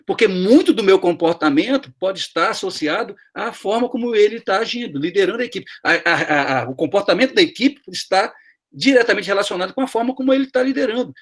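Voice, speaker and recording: A middle-aged man with a Brazilian Portuguese accent, a guest HR professor, tells workplace stories during a chatty live class over a video call. His high-pitched, slightly bright voice is animated and quick, and he uses lots of tag questions.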